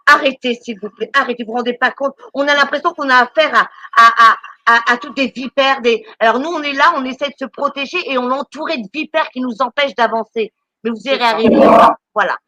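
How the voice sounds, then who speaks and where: A woman's voice: high-pitched, a little fast, sharp tone, no room sound, muffled recording. A woman doing charity work, ranting on a live stream, indignant and scolding, stammering and repeating words as she talks. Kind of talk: impassioned live-stream rant.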